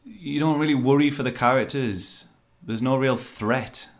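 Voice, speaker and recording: A man's voice: medium pitch, unhurried. A man hosting a casual film review chat, rambling and hesitant with lots of fillers. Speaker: film reviewer, podcast host.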